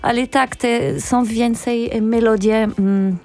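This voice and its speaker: A woman's voice: fairly high pitch, steady tone, slow, a little mellow. Hesitant woman with a French accent. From Paris, France. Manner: hesitant, searching for words in imperfect Polish. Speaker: interview guest, singer and musician. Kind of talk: casual interview talk.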